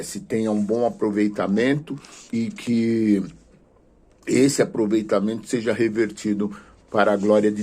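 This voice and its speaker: A man teaching a grammar lesson for a theology course, pausing often with filler sounds before explaining steadily, with prayerful asides. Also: fairly low pitch. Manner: hesitant, many filler sounds and restarts, then steady explaining.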